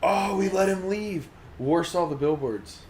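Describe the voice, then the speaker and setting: A man's voice: sits high, measured pace, a little mellow, a little hiss or hum. Joking man co-hosting a livestream. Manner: joking, laughs often. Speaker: livestream co-host. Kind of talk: casual group chat.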